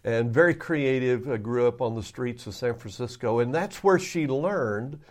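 Mid-pitched man, pastor in conversation. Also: animated, normal speed. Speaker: pastor and podcast regular. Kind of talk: conversational interview answers. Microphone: own separate microphone.

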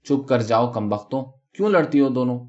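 A man voicing a harried, blustering working-class husband who yells at his quarrelling wives in a storybook reading, on a dull lo-fi recording. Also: medium pitch, expressive, lightly acted. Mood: exasperated. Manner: yelling, stammering when cornered.

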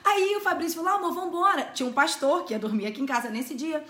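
High-voiced Brazilian woman telling a story. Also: fast, roomy sound. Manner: lively, laughs through her story. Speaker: church speaker sharing a testimony. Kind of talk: casual storytelling talk.

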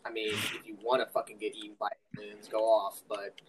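A man's voice: fairly low pitch, completely flat delivery, brisk, husky, poor audio. A young man co-hosting a casual podcast, ranting with run-on sentences and profanity while walking through his home. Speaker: podcast co-host.

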